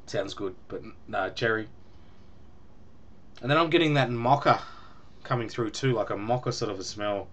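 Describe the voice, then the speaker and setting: A man's voice: on the low side, fairly bright tone. A young man casually reviewing a beer at home on a webcam, chatty and rambling with ums and small laughs. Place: small room at home, indoors.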